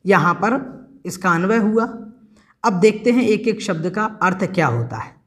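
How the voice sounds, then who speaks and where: A man teaching a scripture class, explaining verses slowly and carefully and repeating words so learners get the pronunciation right. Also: sits high, animated, a bit bright. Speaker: religious teacher. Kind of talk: chanted Sanskrit verse recitation. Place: home, online class recording.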